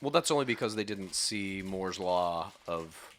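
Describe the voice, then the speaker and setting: A man's voice: deep voice, animated, measured pace, a bit bright. Earnest know-it-all male co-host. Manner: earnest, lectures on trivia. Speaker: podcast co-host. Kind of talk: casual comedic chat.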